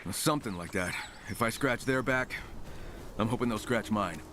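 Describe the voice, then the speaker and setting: An actor playing a self-assured game character who bargains in a dry manner, heard over a walkie-talkie. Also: male voice, fairly low pitch, normal speed, background noise. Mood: matter-of-fact.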